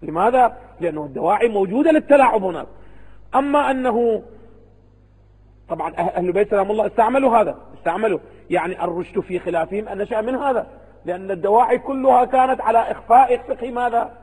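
A man's voice: high voice, fast, darkish tone, slightly rough, long reverb tail, low-quality recording. A man with an Iraqi Arabic accent, a religious scholar giving a seminary lecture to students, who keeps posing rhetorical questions and answering them himself.

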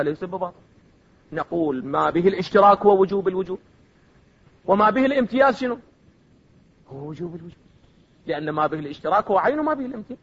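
Iraqi male seminary teacher, high voice, quizzing style, muffled lo-fi sound. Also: a bit bright, slightly rough. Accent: Iraqi Arabic. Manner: quizzes students with repeated either-or questions. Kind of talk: classroom lecture. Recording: dull lo-fi recording.

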